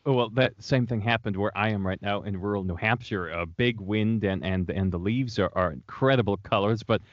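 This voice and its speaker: A man hosting an interview, talking in a halting way with many repeated words and restarts. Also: fairly low pitch, no echo, lo-fi sound. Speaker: podcast host. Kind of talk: interview conversation. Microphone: remote video call.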